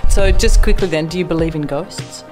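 A woman with a low voice gently quizzing her children, encouraging each answer. Music plays clearly under her. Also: a little fast. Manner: soft, encouraging questions. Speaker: mother interviewing her kids. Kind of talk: gentle questioning.

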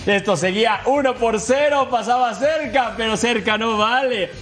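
A man hosting a sports show, narrating football highlights with emphatic phrasing and chatty asides. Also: normal speed, fairly bright tone. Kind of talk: football highlights narration over match clips. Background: background music.

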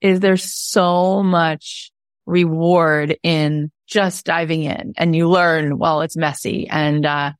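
A woman's voice: deep voice, fairly even intonation, takes it slowly, smooth, dry recording, studio quality. A woman hosting a conversational podcast interview, speaking in an affirming, explanatory way. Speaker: podcast host.

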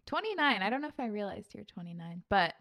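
This twenty-something woman's medium-pitched voice is sing-song, fast, and fairly bright. Hosting a laid-back podcast chat, she gushes effusively, laughing often and leaning on fillers.

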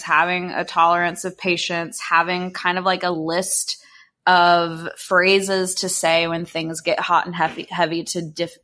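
A woman with a slightly low voice talks as a podcast co-host in casual, unscripted conversation. She gives practical advice frankly, with slang and the odd curse. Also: a bit bright.

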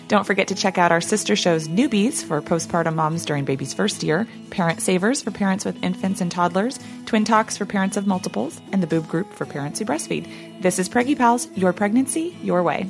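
Woman co-host, mid-pitched voice, casual podcast outro, faint music under. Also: brisk, creaky. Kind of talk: casual chat and show outro.

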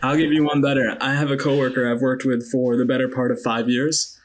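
A man co-hosting a motor racing podcast, talking in easy, casual chat. He teases and pokes fun at himself, with a middle-of-the-road pitch. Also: level tone, a little fast, a crowd in the background. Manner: playful, self-deprecating banter. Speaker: podcast co-host.

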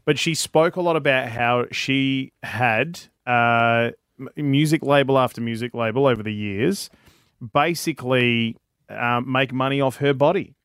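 A man's voice: mid-range voice, unhurried, a bit bright, smooth, no room sound, studio quality. A man hosting a radio show, chatty and upbeat as he drives the segment. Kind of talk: casual chat.

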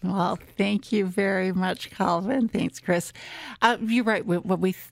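A woman guest on a radio show explains finance in a calm, measured way, going through points step by step. Her voice is middle in pitch, and the studio sound is close and dry. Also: gravelly, dry recording. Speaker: guest tax and retirement researcher.

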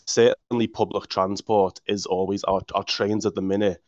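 A Liverpool-accented man, a council official, answers interview questions enthusiastically, often restarting words. His low, darkish voice keeps a moderate pace with fairly even intonation. The audio is dry and muffled, with no room sound.

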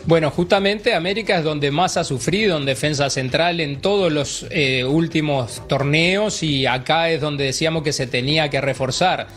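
A man giving a measured analysis on a football panel. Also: fairly high pitch, a bit bright, faint music behind. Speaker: football pundit. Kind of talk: sports panel talk.

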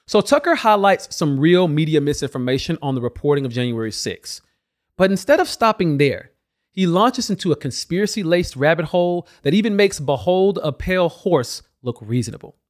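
A man's voice: fairly high pitch, lively intonation, normal speed. A man delivering scripted political commentary as a host, with a sarcastic, mocking manner.

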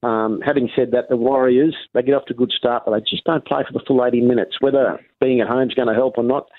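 Fast-talking Australian man on phone line. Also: medium pitch, fairly even intonation, no echo. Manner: colloquial. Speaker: rugby league tipster. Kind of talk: casual sports commentary.

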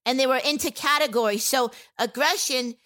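Woman, interviewee, personal testimony, halting, candid, filler-heavy, slightly high voice. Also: bright, forceful tone.

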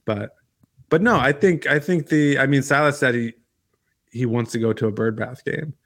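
Guy cohosting a baseball podcast, casual, kinda halting, repeats himself, average pitch. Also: a bit bright. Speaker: sports podcast co-host.

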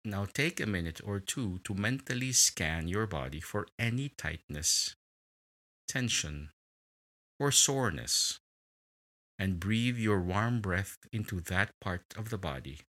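A man leading a guided relaxation meditation in a slow, soothing way, with long pauses between words. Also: fairly low pitch, lively intonation, sharp tone.

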